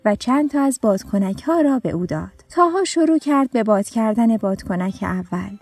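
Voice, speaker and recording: Woman narrator, children's story, fairly high, dry read. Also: dry recording. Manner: clear, expressive storytelling.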